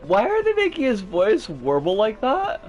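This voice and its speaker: A man's voice: high voice, huge pitch swings, moderate pace, faint music behind. A man chatting casually as a game streamer, with a sardonic, rambling, sweary manner. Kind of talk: casual livestream chat and commentary.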